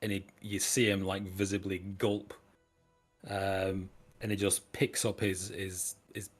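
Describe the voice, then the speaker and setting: A man's voice: sits low, little pitch movement, takes it slowly, slightly rough, faint music behind. A man narrating a tabletop game as game master, rambling and hesitant.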